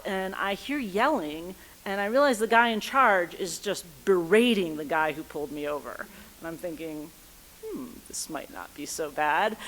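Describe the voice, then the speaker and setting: A woman's voice: medium pitch, a bit bright. A woman in her thirties tells a personal story live on stage, acting out voices and thoughts with comic timing. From United States. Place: theater stage before a live audience.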